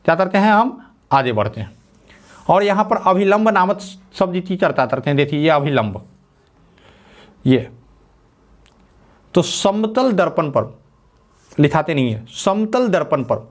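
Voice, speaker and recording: A man teaching a school physics lesson, dictating slowly, repeating phrases and asking and answering his own questions. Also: a little high.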